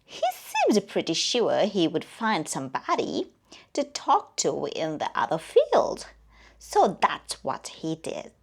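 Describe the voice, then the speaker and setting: A woman narrating a children's story as a friendly owl, in a slow, expressive way that often drops to a whisper. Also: lowish voice, creaky, slightly rough.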